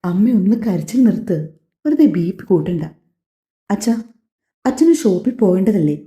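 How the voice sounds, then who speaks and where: Deepa, a woman doing a calm, firm young daughter. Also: normal speed, lightly acted. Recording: echoey, slightly dull home recording.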